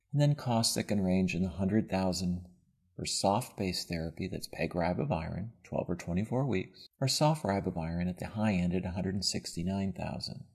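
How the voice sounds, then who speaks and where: A man giving a scripted slide lecture as a medical presenter, in a measured, formal delivery. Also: low-pitched, vocal fry, a little mellow, husky.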